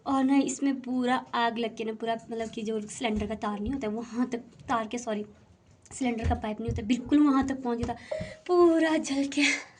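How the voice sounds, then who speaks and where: A woman's voice: fairly high pitch, fairly even intonation, moderate pace, a little mellow, a little hiss or hum. A young woman with a head cold, chatting casually to viewers as a family vlogger at home. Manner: chatty, talks straight to viewers. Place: home, indoors.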